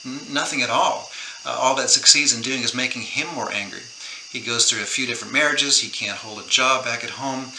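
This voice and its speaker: A man's voice: mid-range voice, a little fast, bright, forceful tone. A middle-aged man, an author, earnestly retelling a true story in a conversation, with many fillers and restarts. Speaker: author guest. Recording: roomy echo, faint background noise.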